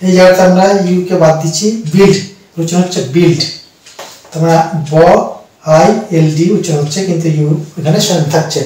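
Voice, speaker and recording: A man teaching English pronunciation, speaking slowly and repeating words syllable by syllable as he explains. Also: on the high side, fairly even intonation, dark tone. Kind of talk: pronunciation lesson. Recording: echoey room, mic far off.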